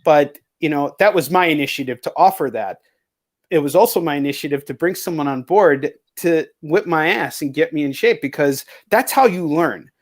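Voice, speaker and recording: Animated and fairly high-pitched, speaking at a moderate pace, a man who writes and publishes comic books hosts a casual interview. His manner is blunt, and profanity comes up frequently.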